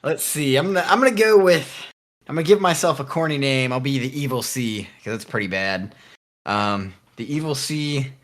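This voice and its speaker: A man's voice: medium pitch, lively intonation, moderate pace, a bit bright. A man co-hosting a casual podcast, rambling and joking with a cocky edge. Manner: cocky, rambling, laughs often. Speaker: podcast co-host.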